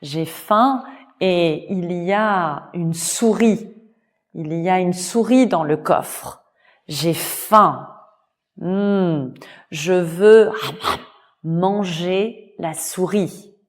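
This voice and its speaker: A woman voicing a big hungry male troll in a slow, plain storybook voice. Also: on the low side. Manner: slow, drawn-out, plainly spoken.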